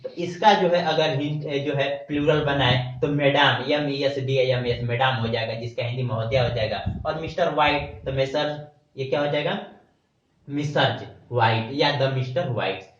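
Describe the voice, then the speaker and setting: A male teacher gives a grammar lesson in an echoing room, his voice picked up from some way off the mic. The sound is dull and lo-fi, and he spells words out slowly, letter by letter. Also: mid-range voice, distant mic. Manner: spells words letter by letter, repeats "ठीक" often. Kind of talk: classroom-style video lecture.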